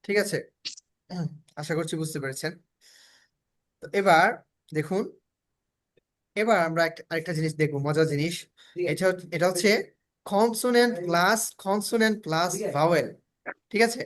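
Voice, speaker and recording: A man's voice: high-pitched, normal speed, pauses often, fairly bright tone. Bangladeshi man teaching English phonics. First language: Bengali. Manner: drills letter sounds, checks in with students often. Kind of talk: step-by-step phonics lesson.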